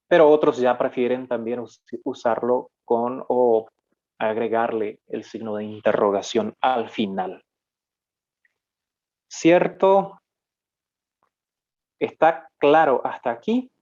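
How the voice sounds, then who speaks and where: A man's voice: mid-range voice, a little mellow, lo-fi sound. A Paraguayan man teaching a live online language lesson. He explains step by step, with many fillers and self-corrections.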